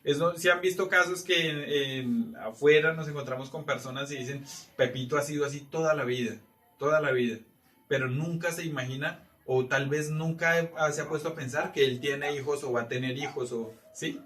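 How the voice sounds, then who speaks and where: A man leads a Bible teaching with a fairly high voice for a man. He keeps checking in with the group as he goes. The sound is roomy and picked up from across the room. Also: normal speed, hardly any pauses, a bit bright, distant mic. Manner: asks the room for agreement often. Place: church meeting room.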